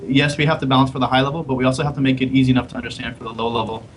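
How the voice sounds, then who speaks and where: A man's voice: mid-range voice, level tone, a little hiss or hum, rough recording. A man, a game developer, explaining his design thinking in a casual podcast panel chat. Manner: quick, explanatory, casual slang.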